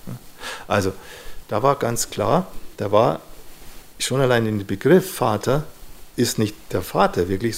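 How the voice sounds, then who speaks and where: Low-voiced man lecturing on psychology. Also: darkish tone. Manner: thoughtful, searching for words, frequent "ja" and "ne". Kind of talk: lecture to an audience.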